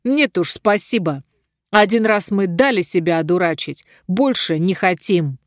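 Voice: mid-range voice, unhurried, no echo, clean studio sound, close to an everyday voice. A reader doing a sneering surly dwarf. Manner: sneering, mocking.

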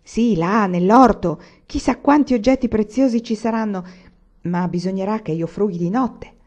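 A woman's voice: mid-range voice, normal speed, a little mellow, natural voice. A woman reading the part of a young man in love, pleading tenderly in a storybook. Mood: eager. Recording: slightly dull lo-fi recording.

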